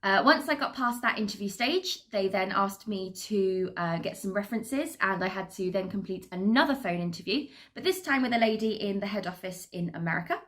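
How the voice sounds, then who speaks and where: Chatting to camera about her work as a cruise entertainer and assistant cruise director, a British woman comes across as upbeat and articulate. Her mid-range voice is animated and fairly bright, running a little fast with hardly any pauses.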